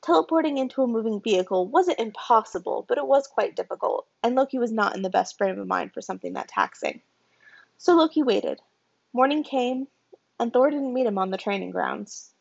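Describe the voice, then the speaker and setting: A woman reading a chapter of fan fiction aloud in a steady storytelling manner. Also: a little high, a little fast, gravelly, slightly rough, dry recording. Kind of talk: audiobook-style story narration. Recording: dull lo-fi home recording.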